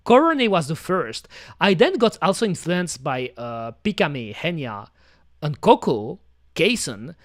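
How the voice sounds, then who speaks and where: A man's voice: fairly high pitch, no room sound, studio quality. A man chatting casually on his stream, rambling and talking to himself with many fillers and restarts. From French-speaking. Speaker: VTuber streamer.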